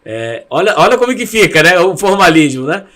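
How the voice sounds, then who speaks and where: A man from Brazil co-hosts an online class and chats freely, recalling stories from his past. His voice sits a bit high. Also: very animated, brisk, fairly bright tone. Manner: chatty, recalls stories with a laugh. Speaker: pastor co-host.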